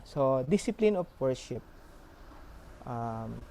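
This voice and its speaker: A middle-aged Filipino man giving an informal, halting sermon, his speech slightly slurred from a swollen mouth after having a tooth pulled. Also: mid-range voice, sing-song, gravelly, warm tone, poor audio. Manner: halting, hesitant. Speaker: church member giving a short sermon. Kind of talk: informal sermon in mixed Tagalog and English.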